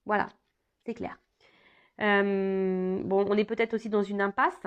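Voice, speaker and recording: A woman's voice: mid-range voice, level tone, unhurried, smooth, dull audio. A woman doing a casual tarot reading for her viewers, talking hesitantly with many fillers and restarts. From France. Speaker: tarot reader.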